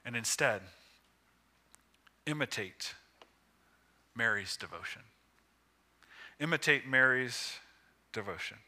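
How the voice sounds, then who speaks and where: Guy preaching a sermon, slow deliberate delivery, really bright tense tone. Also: medium pitch, expressive. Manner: emphatic, measured phrasing with pauses.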